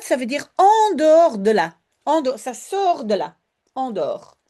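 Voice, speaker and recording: Slow, lively teacher, woman. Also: medium pitch. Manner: slow, explanatory, switching between Dutch and French. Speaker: Dutch language teacher. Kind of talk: line-by-line reading and translation lesson.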